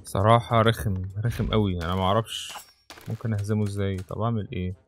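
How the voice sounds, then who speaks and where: A man with an Egyptian Arabic accent giving live gameplay commentary, muttering to himself and breaking into panicked yelling. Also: lowish voice, steady tone, quick pace, soft background music. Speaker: gaming channel host.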